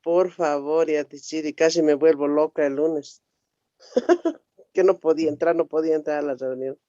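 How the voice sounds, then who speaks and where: A woman's voice: sits low, fairly even intonation, moderate pace, dark tone, dry recording, highs cut off. A woman student asking her teacher questions in an online class, half complaining and laughing.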